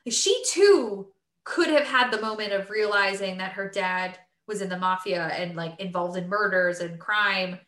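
Woman, late 20s, casual podcast co-host, chatty, bright voice, roomy echo. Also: mid-range voice, moderate pace. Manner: chatty, laughing, lots of fillers. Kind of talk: casual chat.

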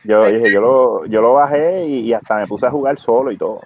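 A man in a casual podcast chat on a headset, rapid and jokey. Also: medium pitch. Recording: dull headset audio.

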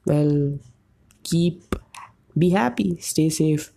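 Guy doing a solo podcast, mellow voice, kinda rambly, loses the word now and then. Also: fairly high pitch, measured pace, a little hiss or hum. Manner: rambling and loose, searching for words mid-sentence. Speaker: podcast host. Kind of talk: casual solo podcast monologue.

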